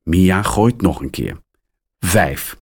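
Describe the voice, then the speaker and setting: Slow, expressive male storyteller. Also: fairly low pitch. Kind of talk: children's story reading.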